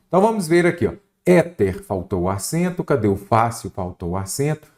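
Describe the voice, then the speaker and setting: Lively Brazilian man teaching grammar. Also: mid-range voice. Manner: animated explaining, stresses syllables and asks the viewer questions. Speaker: Portuguese teacher for exam prep. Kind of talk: exam-prep grammar lesson.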